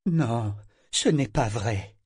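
Un homme jouant une mère âgée bouleversée et tremblante. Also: male voice, medium pitch, takes it slowly, darkish tone, husky, no echo, studio quality. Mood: amer. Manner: trembling, emotional. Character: older mother, distraught, tearful, bitter.

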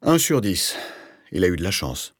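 A man voicing a calm, patient, gently ironic middle-aged man in an audiobook. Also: deep voice, moderate pace, slightly rough, no echo, clean studio sound, heavily acted. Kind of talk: audiobook character voice.

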